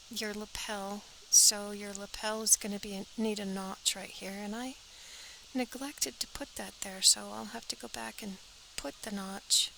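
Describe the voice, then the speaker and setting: A woman's voice: mid-range voice, vocal fry, pushed and bright, a little hiss or hum, low-quality recording. A woman teaching a step-by-step sewing pattern drafting tutorial, practical and talking as she works, often dropping to an airy half-whisper.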